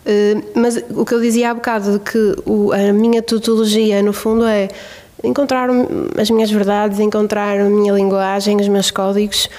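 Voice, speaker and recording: A woman with a European Portuguese accent talks in a casual podcast conversation. She is reflective and emphatic, and she pauses and restarts as she works through her thoughts. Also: medium pitch, level tone, a little mellow.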